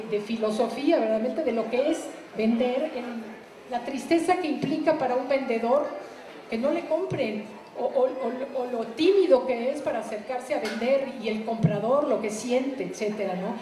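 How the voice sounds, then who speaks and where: A woman gives a reflective public talk about her translation work, pausing often with fillers and restarts. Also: a little high, mellow, roomy sound, a little hiss or hum, low-quality recording. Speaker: literary translator.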